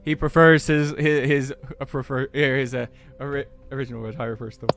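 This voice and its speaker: A man's voice: medium pitch, level tone, fairly quick, music in the background. A man playing in a tabletop role-play session, playful and jokey. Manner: playful, jokey, laughs often. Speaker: player. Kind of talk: casual tabletop play chat.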